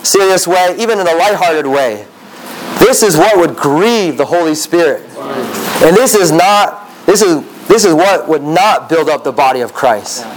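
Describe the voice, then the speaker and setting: A man giving a sermon to young people, speaking slowly and emphatically, repeating key phrases. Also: fairly high pitch, animated, a little hiss or hum, poor audio. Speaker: conference speaker.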